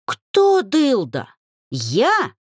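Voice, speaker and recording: A woman voicing an excitable young female dryad who talks in shrill, indignant outbursts. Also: a little slow, dry recording, studio quality, exaggerated voice. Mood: scheming.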